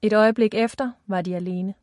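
A woman narrating a children's fantasy audiobook in a calm, even storytelling voice. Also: mid-range voice, no echo, clean studio sound.

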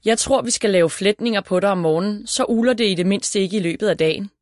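A woman voicing a practical mother who speaks in a brisk, matter-of-fact way. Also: mid-range voice, darkish tone, no echo, studio quality, lightly acted.

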